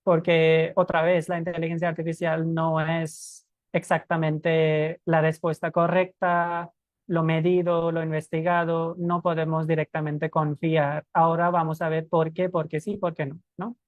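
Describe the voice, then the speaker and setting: Lower-voiced woman explaining emphatically. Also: little pitch movement, measured pace, darkish tone, no room sound, dull audio. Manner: explanatory, emphatic, self-correcting. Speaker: Spanish teacher trainer. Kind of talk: live stream lesson for teachers.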